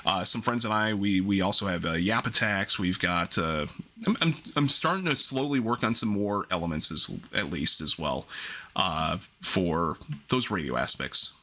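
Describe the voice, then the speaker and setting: A man's voice: sits low, animated, normal speed, bright, forceful tone. A man hosting a livestream in casual gaming chat, rambling and often interrupting himself as he gets sidetracked. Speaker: livestream host.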